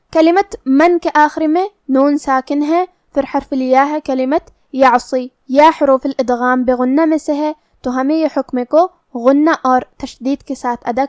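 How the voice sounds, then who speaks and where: High, precise woman teaching Quran recitation. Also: a little mellow, no echo, clean studio sound. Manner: precise, methodical explanation of letter rules. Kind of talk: tajweed lesson with slow recitation.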